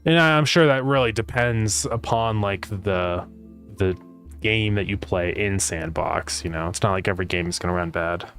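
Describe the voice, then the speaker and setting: A man's voice: deep voice, normal speed, fairly bright tone. A man chatting casually as a game developer livestreamer, rambling as he thinks aloud, his speech slightly slurred by retainers. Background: music.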